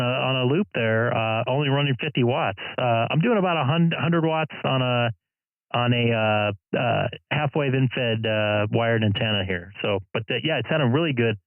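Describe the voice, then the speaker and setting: A man's voice: medium pitch, moderate pace, no room sound, narrow, tinny audio. A man making casual ham radio calls, friendly and a little hesitant, spelling call signs in phonetic words. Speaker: amateur radio operator, livestream host.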